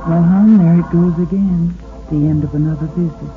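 A woman's voice: on the low side, fairly even intonation, close to an everyday voice. An American woman playing an affectionate, lonesome radio sweetheart, coaxing her man in an intimate 1950s monologue. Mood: wistful, loving. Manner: slow, intimate, coaxing, crooning endearments. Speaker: radio host and companion. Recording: muffled 1950s radio recording, organ music. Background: organ music.

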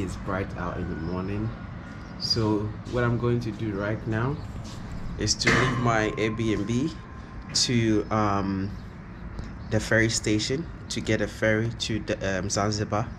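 A man in his thirties from Ghana, talking casually to a phone camera held at arm's length as a travel vlogger, chatty, with many fillers and frequent laughs. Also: on the low side. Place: inside a car and a small hotel room. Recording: loud traffic and car noise.

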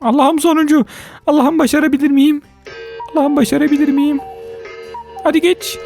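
Woman gaming host for a let's-play. High-pitched, gravelly edge, excitable, keeps talking to viewers over faint music. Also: normal speed.

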